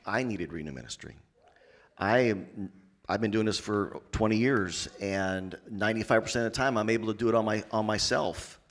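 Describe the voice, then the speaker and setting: A man, the pastor, speaking earnestly and repeating his points as he presses them home on a church panel. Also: on the low side. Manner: earnest, repetitive, rising to emphatic. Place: church conference stage.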